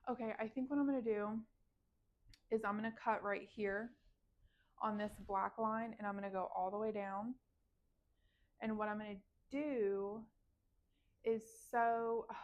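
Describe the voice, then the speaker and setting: A woman's voice: mid-range voice, darkish tone. A woman, chatting to the camera while she sews and muttering her frustration to herself and her viewers. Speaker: sewing vlogger. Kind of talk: casual chat to camera while sewing. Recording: dull lo-fi sound.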